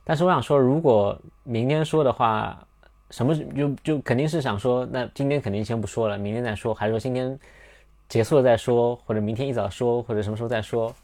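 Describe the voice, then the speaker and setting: A man's voice: medium pitch, brisk, darkish tone. A young man hosting a podcast, telling a personal story in a casual, rambling way with many restarts and fillers. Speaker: podcast host.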